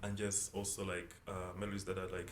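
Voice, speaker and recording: A young man from South Sudan with a lowish voice talks easily about his music, wandering through his thoughts with plenty of "like" and "you know". The room is echoey, with a faint hiss under the voice. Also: fairly quick. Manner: relaxed, rambling, often restarts with "like" and "you know". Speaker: musician guest. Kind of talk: casual interview talk.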